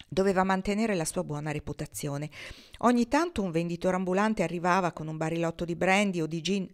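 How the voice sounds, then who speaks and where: A woman reading a novel aloud as an audiobook, in a measured, even manner. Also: lowish voice. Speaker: audiobook reader. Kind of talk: audiobook narration.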